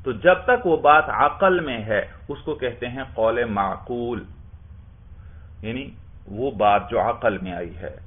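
A man teaching a class, explaining step by step and asking his students questions that he then answers himself. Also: medium pitch. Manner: explains with repeated questions and answers, often adds "bhai". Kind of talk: classroom lecture. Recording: tinny phone-like sound.

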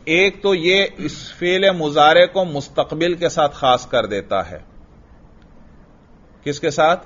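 A man teaching Arabic grammar in to a class, slowly repeating phrases and quizzing his students. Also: on the high side, fairly bright tone, dull audio. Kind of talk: classroom lesson.

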